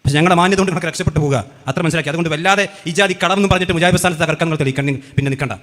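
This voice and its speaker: A man's voice: on the high side, fairly bright tone. A man giving a heated religious rebuttal, mocking and firing off rhetorical questions. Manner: sarcastic, mocking, rapid-fire questions. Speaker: religious speaker. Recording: echoey hall with long reverb.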